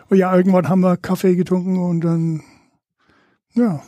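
Older American man, halting German. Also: sits high, dark tone, dry recording. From Louisiana, USA. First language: English. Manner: halting, searching for German words, laughs often. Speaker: guest. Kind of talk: casual interview chat.

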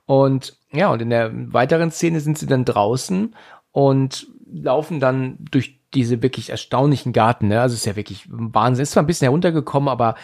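A man's voice: medium pitch, fairly quick, vocal fry, a little mellow. Chatty German man recapping a film. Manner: chatty, many fillers and restarts. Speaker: podcast host recapping a film. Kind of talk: casual film discussion.

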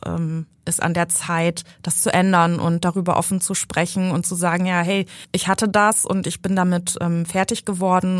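Low-voiced woman author from hamburg, earnest, lots of ums, dry studio sound. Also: no echo. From Hamburg, Germany. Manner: earnest, thoughtful, frequent hesitations. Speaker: author, interview guest. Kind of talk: interview talk and reading from her novel. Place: podcast studio.

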